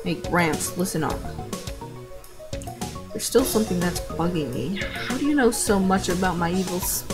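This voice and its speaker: A woman's voice: fairly low pitch, expressive, moderate pace, pauses often, music in the background, lightly acted. Woman doing a sullen teenage tough boy, amateurishly acted. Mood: sullen, suspicious. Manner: amateurish bad acting. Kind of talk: amateur anime game voice-over.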